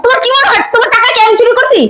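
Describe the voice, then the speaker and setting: A woman's voice: steady tone, very fast, echoey room, heavy background noise. A woman playing a hot-tempered, quarrelsome wife in a comedy drama. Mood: angry. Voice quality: shrill, quarrelsome. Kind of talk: short comedy drama acting.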